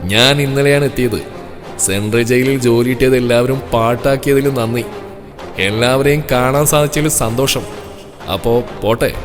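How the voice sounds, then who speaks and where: A man voicing a blunt, hot-tempered young village man who teases and scolds loudly. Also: mid-range voice, steady tone, normal speed, natural voice. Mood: teasing. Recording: long reverb with soft music.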